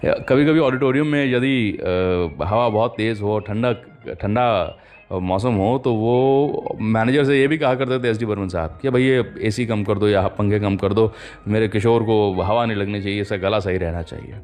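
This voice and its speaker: A radio host with a fairly low, darkish voice shares anecdotes at a moderate pace, storyteller-style, acting out the quoted back-and-forth. Music plays behind him.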